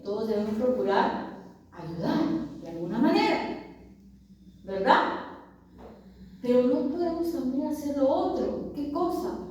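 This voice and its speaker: A woman's voice: fairly high pitch, dark tone, a little hiss or hum. A woman preaching a sermon, asking her congregation questions and calling them brothers. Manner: asks the congregation rhetorical questions; addresses listeners as brothers. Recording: very echoey room, voice far from mic.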